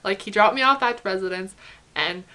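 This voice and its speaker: Young woman vlogger, mid-pitched, chatty storytime delivery, animated and profane. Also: fairly quick, a little hiss or hum. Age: young adult. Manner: animated, chatty, swears freely, lots of "like". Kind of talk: casual storytime.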